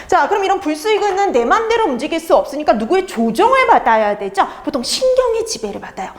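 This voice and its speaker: Woman lecturer, high lively voice, exam-prep lesson, asks and answers her own questions. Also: fast talker. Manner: asks students questions and answers them herself; repeats key terms for emphasis.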